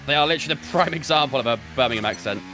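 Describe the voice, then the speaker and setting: A man's voice: medium pitch, racing, sharp tone, soft background music. A young man streaming a racing game from his bedroom, chatting with viewers between laps. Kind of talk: casual live-stream chat while racing.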